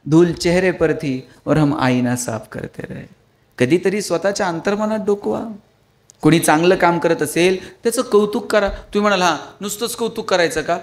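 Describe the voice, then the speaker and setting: A man giving a motivational lecture to an audience, telling funny stories and pleading with his listeners. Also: high voice. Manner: storytelling with humor, pleading with the audience. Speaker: public speaker.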